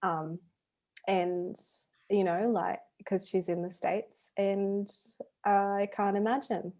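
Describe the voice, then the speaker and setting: A woman with a mid-pitched voice co-hosts a casual podcast. She talks in a chatty, easygoing way, with plenty of fillers. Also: flat delivery, slow, mellow. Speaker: podcast co-host. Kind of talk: casual chat.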